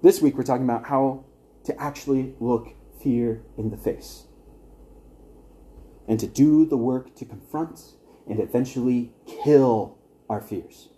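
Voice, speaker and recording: A man's voice: mid-range voice, unhurried, dark tone. A young man teaching an evangelism class at church, earnest and conversational, with wry asides to his listeners.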